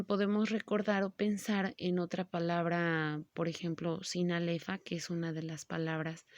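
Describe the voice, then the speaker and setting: A woman teacher giving a grammar lesson, speaking slowly and patiently and stretching words out syllable by syllable. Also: on the low side, no room sound, studio quality.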